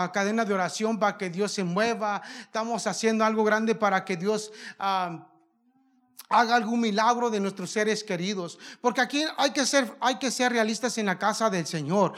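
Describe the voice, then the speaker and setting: A man's voice: high-pitched, moderate pace, a bit bright. A man preaching a fervent sermon at a church service, asking the congregation question after question. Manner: fervent, asks the congregation many rhetorical questions.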